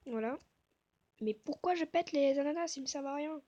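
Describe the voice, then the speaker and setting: A woman giving casual gameplay commentary, talking softly to herself and the viewers with self-mocking asides. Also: sits high, fairly quick, muffled recording. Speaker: gaming video creator.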